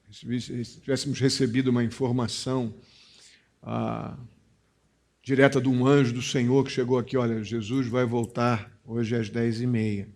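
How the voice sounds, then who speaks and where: Preaching a sermon in a mid-range voice, a Brazilian Portuguese-accented pastor leans hard on key phrases and then falls to a hushed, confiding tone.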